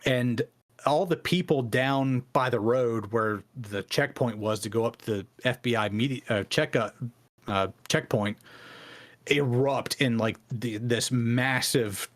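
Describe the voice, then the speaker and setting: A man co-hosting a podcast, telling a long history story in a casual way. His voice sits in an ordinary middle pitch. He rambles, filling his sentences with fillers and asides. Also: a little slow. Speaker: podcast co-host.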